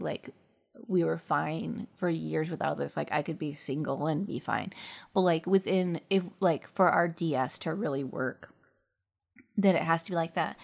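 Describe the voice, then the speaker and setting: A young woman co-hosting a podcast, talking in a hesitant, halting way with many fillers and restarts. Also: low voice, vocal fry. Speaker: podcast co-host. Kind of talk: casual intimate conversation.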